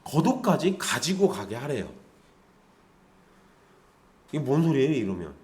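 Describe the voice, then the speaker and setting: A man's voice: medium pitch, very animated, a little slow, darkish tone. A male pastor giving a conversational Sunday sermon, asking the congregation rhetorical questions and explaining scripture.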